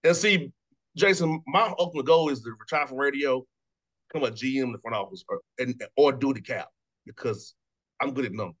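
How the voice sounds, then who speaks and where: A man in his thirties hosts a sports radio interview in a loose, chatty way. He talks quickly, doubles up on words and breaks into laughs, with a voice in an ordinary middle pitch. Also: a bit bright. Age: 30s. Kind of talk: casual sports talk interview.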